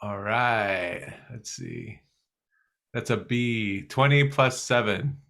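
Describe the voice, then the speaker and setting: A woman's voice: very deep voice, takes it slowly. A woman playing in a tabletop game, chatting casually and laughing a lot. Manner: laughing, animated. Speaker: player.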